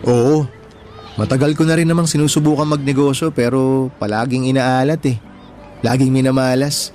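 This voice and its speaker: In a Tagalog radio drama, a man plays an earnest, humble, hardworking young husband, speaking mildly and conversationally with a determined air. His voice is medium-pitched, slightly mellow and natural, with fairly even intonation at a normal speed over soft background music.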